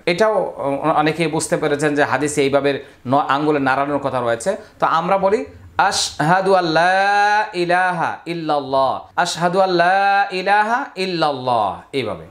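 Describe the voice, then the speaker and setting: A man teaching Quran reading, spelling out syllables slowly and then chanting the words in long, drawn-out recitation. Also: fairly high pitch, a bit bright. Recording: roomy echo.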